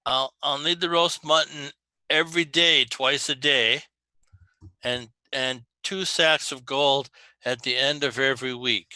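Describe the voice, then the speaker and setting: Man voicing a gruff giant cyclops guard, forceful and blunt. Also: medium pitch, fairly even intonation, measured pace. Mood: stubborn haggling.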